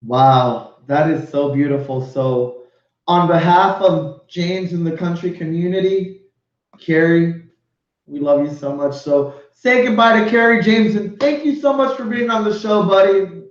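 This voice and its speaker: A man hosts a casual live show, talking to guests effusively while swearing and laughing. His voice sits high and moves a little slowly, and the stream audio is echoey and lo-fi.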